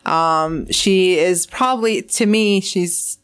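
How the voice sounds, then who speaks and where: A young woman from Syria talks as a radio guest, with a fairly low voice. She speaks warmly and eagerly, often stopping to restart her sentences and fill the gaps with ums and you knows. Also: slow, clean tone. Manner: warm, enthusiastic, many fillers and restarts. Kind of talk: casual radio interview chat.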